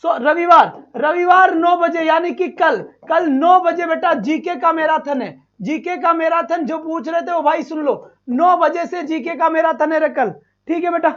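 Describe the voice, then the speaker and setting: Leading a live online exam-prep class, a male teacher with a strikingly high voice speaks unhurriedly but with relentless energy, heaping loud praise on students. The stream sounds dull and lo-fi.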